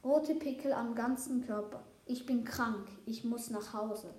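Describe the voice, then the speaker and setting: A fussy, know-it-all crow who lectures and scolds in slow, clipped words, put on by a woman reading a storybook aloud. The voice sits a little high and the reading is unhurried, with an echoey room around it. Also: mellow, close to an everyday voice. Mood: whiny.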